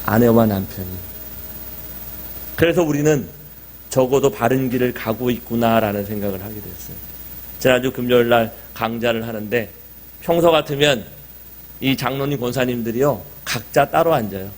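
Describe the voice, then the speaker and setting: A middle-aged man pastor preaching a sermon in a church, talking conversationally and asking the congregation rhetorical questions. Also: mid-range voice. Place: church sanctuary.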